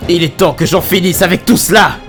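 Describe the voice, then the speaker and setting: A man's voice: sits high, a little fast, a bit bright. Earnest young hedgehog hero voiced by a man, Silver. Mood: heated, determined. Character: earnest, determined young male hedgehog from a ruined future. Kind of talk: amateur video game fan dub in French. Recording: background music under the voice. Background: dramatic game music.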